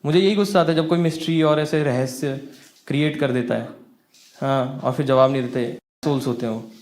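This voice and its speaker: A young man doing stand-up, spinning a story with lots of energy and a voice that keeps climbing into exasperated bursts. His pitch sits in the middle range for a man. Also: a little fast. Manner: animated, rising to exasperated outbursts. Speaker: stand-up comedian.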